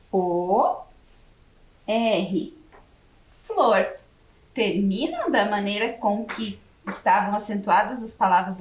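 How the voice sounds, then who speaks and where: A Brazilian woman teacher with a Brazilian Portuguese accent, leading a word game for young children on a TV lesson and slowly spelling each word letter by letter. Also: mid-range voice, reverberant, distant mic. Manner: slow, spelling words letter by letter. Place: classroom studio for educational TV.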